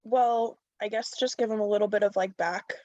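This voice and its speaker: A woman's voice: mid-range voice, steady tone, a little fast, mellow, dull audio. Bubbly, upbeat woman podcast host. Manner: bubbly, upbeat, filler-heavy with "like" and "um". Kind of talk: casual podcast chat.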